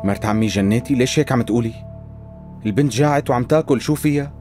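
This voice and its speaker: An actor playing a hot-tempered, protective young nephew with a Syrian accent, protesting indignantly in a dubbed TV drama. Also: male voice, mid-range voice, fast talker, music in the background, natural voice. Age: young adult.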